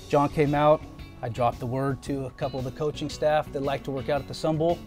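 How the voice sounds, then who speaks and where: Man, higher voice, relaxed storytelling, light guitar music behind. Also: a little fast. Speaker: former teammate. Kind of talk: documentary interview.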